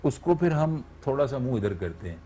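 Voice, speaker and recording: A man's voice: mid-range voice, big pitch swings, brisk, warm tone, breathy edge. A man, a radio voice artist, explaining his craft step by step as a guest on a TV morning show and checking that he is understood. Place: TV studio.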